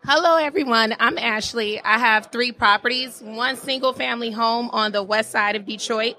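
A woman pitching property deals at a meeting, running through listing details and fixing small slips. Her voice is bright and a little high. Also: normal speed. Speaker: real estate seller pitching properties. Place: crowded meeting room.

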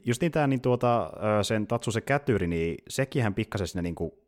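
A man's voice: on the low side, expressive. A man co-hosting a casual podcast, chatty and laughing often, with lots of fillers. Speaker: podcast co-host. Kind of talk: casual chat about games and anime.

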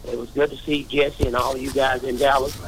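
An older man phones in to a radio show, talking earnestly in a rambling, preachy way. His mid-range voice is flat and fairly quick, and the poor audio carries a little hiss or hum.

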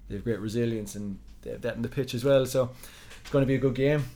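A man's voice: medium pitch, fast, dark tone. A man speaking casually as a goalkeeper guest in a sports podcast interview.

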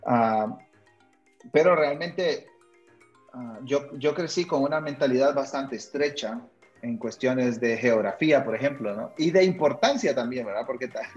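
A young Honduran man with a Honduran accent tells his personal story in a radio interview. He speaks at a middle pitch, pausing often with fillers and tag questions. The recording is a little dull, with faint music behind him. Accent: Honduran Spanish. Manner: hesitant, with frequent fillers and a habitual tag question. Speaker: missionary guest.

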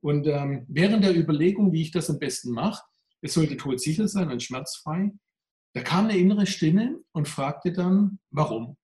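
A man answering interview questions in a candid, reflective way. His voice sits fairly high and sounds pressed and tense, and it rings with a roomy echo. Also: expressive, moderate pace, mellow. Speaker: mental trainer.

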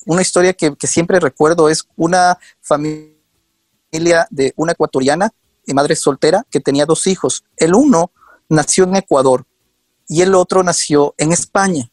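A man's voice: fairly high pitch, normal speed, no room sound. A man guest telling earnest stories in an interview, with frequent hesitations and restarts. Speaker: guest, documentary show maker. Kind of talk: conversational storytelling.

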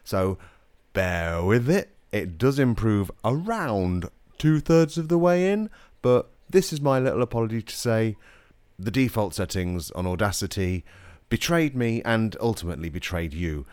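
A man hosting a podcast speaks in a low voice with lots of swing in it. He sounds wry and mock-aggrieved, as if making a formal apology. The audio is muffled and compressed, as though underwater. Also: expressive, a little slow, a little mellow, clear, resonant tone, no room sound. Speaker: podcast host. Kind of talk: scripted-sounding apology to listeners.

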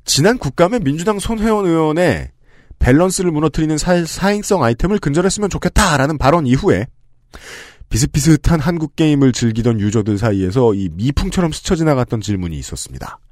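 A man with a fairly high, very lively voice hosts a podcast, moving between read-out lists and joking asides. The sound is close and dry, with no room around it. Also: quick pace, dry recording. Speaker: podcast host. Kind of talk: casual podcast talk with scripted segments.

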